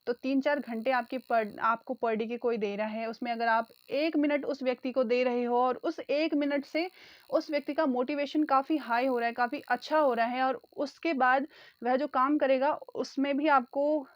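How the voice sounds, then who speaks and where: High-voiced woman teaching exam prep. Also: fairly even intonation, moderate pace, no echo. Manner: addresses viewers as friends, repeats key answers. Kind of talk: online exam-prep lesson.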